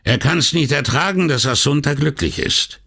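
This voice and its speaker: Guy doing a loud-mouthed old workman, higher voice, gravelly, blunt and smug. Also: expressive, normal speed, heavily acted. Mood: boastful. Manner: gossipy, blunt, proud of himself. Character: boastful coarse Venetian workman, older man. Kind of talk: audiobook dialogue reading.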